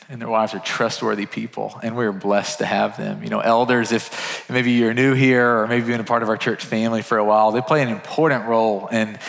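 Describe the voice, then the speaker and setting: A man's voice: medium pitch, fairly bright tone. A male pastor speaking casually at a pulpit microphone, upbeat and full of fillers and restarts. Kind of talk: church announcement from the front. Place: church sanctuary. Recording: long church-hall reverb.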